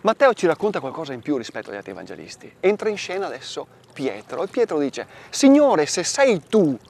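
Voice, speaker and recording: A man's voice: fairly high pitch, sing-song, fast, creaky. A man, a parish priest, explaining a gospel passage outdoors by a lake, asking and answering his own questions. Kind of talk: gospel commentary for television.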